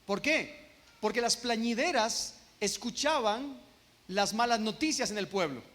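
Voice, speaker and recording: A man with a Guatemalan Spanish accent preaching an expository sermon as pastor, emphatic and slowing down on key phrases. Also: extremely high pitch, animated, a bit bright. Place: church sanctuary. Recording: long reverb of a church hall.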